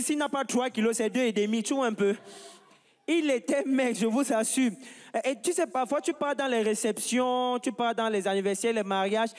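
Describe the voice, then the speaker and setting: Guy with a super high voice doing stand-up jokes, big reverby stage sound. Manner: animated, hypes up the crowd. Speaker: comedy show host. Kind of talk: stand-up comedy and stage hosting. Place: large stage with live audience.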